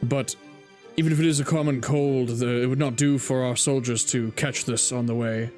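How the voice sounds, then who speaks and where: A man playing a tabletop role-playing game, improvising dialogue in a measured, hesitant and fairly formal way. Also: medium pitch, fairly even intonation, a little mellow, soft background music.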